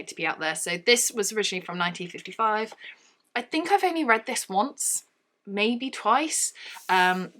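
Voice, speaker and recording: A woman's voice: fairly low pitch, bright, forceful tone. A woman, chatting casually about her books on a vlog, rambling and correcting herself as she goes. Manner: chatty, rambling, self-correcting, laughs often. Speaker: book vlogger.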